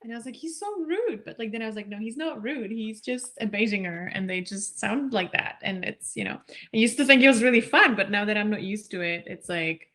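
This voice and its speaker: A woman's voice: mid-range voice, brisk. Chatty young woman, lots of "like". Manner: chatty, animated, heavy use of "like", acts out quoted voices. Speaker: interview guest, scholarship recipient. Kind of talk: casual conversational interview.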